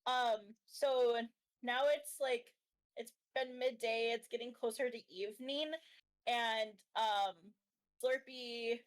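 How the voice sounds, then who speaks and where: A woman's voice: on the high side, fairly even intonation, slow pace. A woman narrating as game master in a tabletop game, easygoing and full of fillers.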